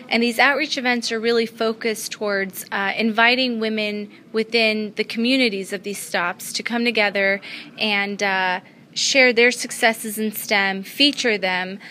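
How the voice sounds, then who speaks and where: Young woman with a bright voice. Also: mid-range voice, slight background noise. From Afghanistan. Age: young adult. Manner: earnest, steady, with frequent ums and uhs. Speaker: student pilot guest. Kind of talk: interview answers at a trade show. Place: convention floor.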